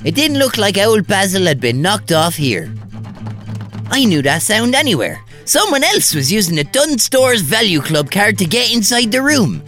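A man's voice: high-pitched, sing-song, moderate pace, sharp tone, exaggerated voice. Irish comic narrator played by a man, cocky informant, swooping wildly into a ventriloquist-dummy squawk, music behind. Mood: comic narrating. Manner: rambling, colloquial, comic asides. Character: Jack Street, excitable cocky Irish informant narrating his story. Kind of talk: comic audio drama narration.

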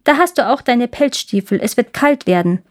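A woman's voice: on the high side, expressive, moderate pace, close to an everyday voice. A fierce, bossy robber girl, put on by a woman reading a fairy tale aloud. She speaks in a raised, blunt and teasing way, like a wild child who likes to give orders.

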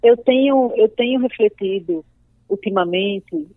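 A young woman from Paraíba, speaking with a Northeastern Brazilian accent, talks thoughtfully as an interview guest and builds careful arguments in a reflective conversation. Her voice is medium in pitch and a little slow, with no room sound. The audio is dry and tinny, like a phone call.

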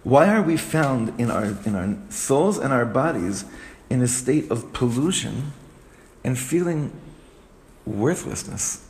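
A man teaching a study class, reading Hebrew lines quickly and then translating them and asking his students questions. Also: mid-range voice, big pitch swings, darkish tone. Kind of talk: animated text study with students. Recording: reverberant room with faint background noise.

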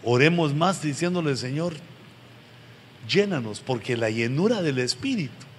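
Middle-aged male pastor, pleading sermon delivery, slightly high voice, long hall reverb. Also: lively intonation, normal speed. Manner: earnest, pleading, with sudden loud emphatic rises. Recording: long hall reverb, faint background noise.

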